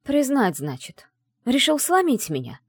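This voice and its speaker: A woman's voice: high-pitched, huge pitch swings, unhurried, breathy edge, no room sound, heavily acted. A woman voicing a defiant young witch student who snaps back in angry outbursts, in an audiobook. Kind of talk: audiobook dialogue reading.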